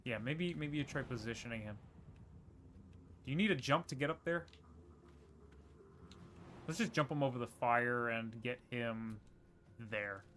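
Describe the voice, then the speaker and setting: A man streaming a video game, rambling and thinking aloud with quick laughs as he plays. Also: mid-range voice, a bit bright, a little hiss or hum. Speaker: gaming streamer. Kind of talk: casual gameplay commentary.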